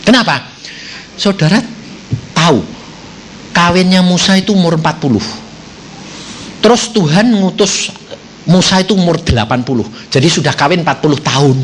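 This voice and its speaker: A man's voice: fairly high pitch, animated, normal speed, long pauses, slight background noise. A man preaching a sermon and telling stories, acting out voices with laughter.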